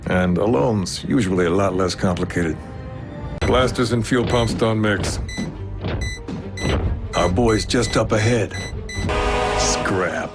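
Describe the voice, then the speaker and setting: A man voices a cocky, roguish robot warrior hardened by battle in an animated series, speaking in a wry, laconic tough-guy drawl. His natural voice sits fairly low, and the mood is dry and steady.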